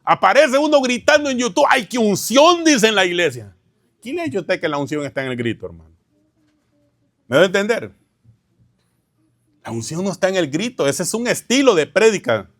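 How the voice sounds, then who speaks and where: Pastor guy preaching in church, bit high voice, keeps going "hermano?" at the crowd. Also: sing-song, a little fast, pauses often, a bit bright, no room sound, studio quality. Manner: peppers lines with "hermano" and rhetorical questions. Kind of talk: teaching sermon.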